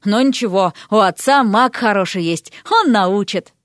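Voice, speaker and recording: A woman's voice: medium pitch, lively intonation, moderate pace, no echo, studio quality, natural voice. A woman voicing a naive, resigned young nobleman who muses aloud in a folksy, sighing way in an audiobook. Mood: chatty. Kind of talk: audiobook character voice.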